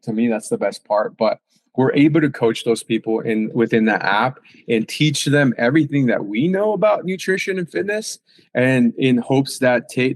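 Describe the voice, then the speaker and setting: A man's voice: mid-range voice, no echo. A man who works as a fitness and nutrition coach, talking casually and emphatically, with lots of fillers and tag questions. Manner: casual, emphatic, many fillers and "right?" tags. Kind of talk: casual podcast conversation.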